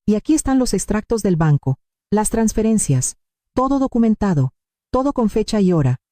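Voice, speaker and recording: A woman narrating a dramatic story in the first person, steady and emphatic. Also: mid-range voice, moderate pace, no echo, studio quality.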